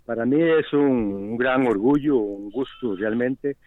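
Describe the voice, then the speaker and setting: Over a dry, tinny phone line, a Costa Rican organic farmer is interviewed as a guest. His Spanish-accented voice is medium in pitch and unhurried, and he sounds earnest and reflective.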